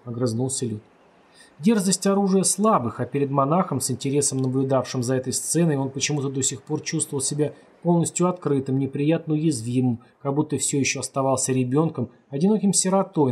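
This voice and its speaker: A man narrates a story in a husky, slightly breathy voice. His reading is steady and measured, and he voices the characters' lines only lightly. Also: medium pitch. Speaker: audiobook narrator. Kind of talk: scripted narration.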